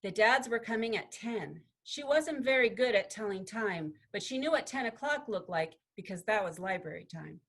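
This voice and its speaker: A woman student reading a children's picture book aloud in an expressive, gently paced storytelling manner. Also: mid-range voice, moderate pace, few pauses. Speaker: student presenter.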